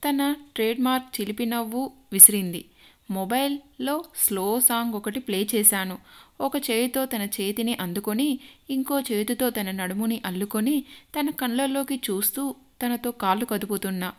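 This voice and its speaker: A woman narrates a love story in a soft, emotive way. Her voice sits a little high, and she reads as the story's storyteller. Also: normal speed.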